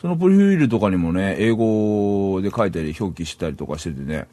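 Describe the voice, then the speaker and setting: A man's voice: low voice, lively intonation, a little fast, warm tone, no room sound. A middle-aged man from Saitama, Japan, hosting a solo podcast in a rambling, casual way and chuckling at himself. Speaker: podcast host.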